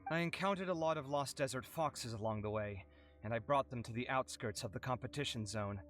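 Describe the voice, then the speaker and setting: A man's voice: mid-range voice, fairly quick, fairly bright tone, close to an everyday voice. A man voicing an earnest, talkative young male architect in a game, with faint music behind.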